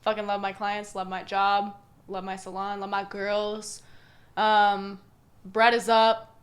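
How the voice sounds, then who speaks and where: A young woman co-hosting a podcast, chatting casually with sarcastic, deadpan jokes and a lot of swearing. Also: medium pitch, a little slow. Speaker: podcast co-host, hairstylist. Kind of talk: casual chat. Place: room, sharing one microphone.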